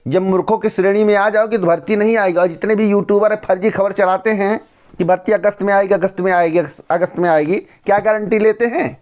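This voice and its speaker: A man delivers direct-to-camera news commentary in a noticeably high voice. He lectures bluntly and hammers points home by repeating phrases. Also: fairly even intonation, fairly quick, a little mellow. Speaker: news channel host.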